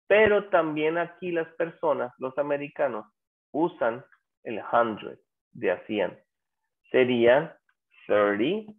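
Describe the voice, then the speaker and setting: A man teaching an English class, drawing out his example words slowly and coaxing students to answer. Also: a little high. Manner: slow, drawn-out English examples. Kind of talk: online class lecture. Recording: tinny phone-like audio.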